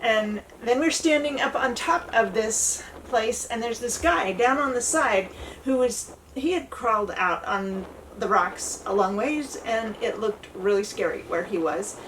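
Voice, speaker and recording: A woman's voice: fairly high pitch, unhurried, a bit bright. Chatty woman telling a trip story. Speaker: travel vlogger. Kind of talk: casual chat. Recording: distant mic with faint ambient noise.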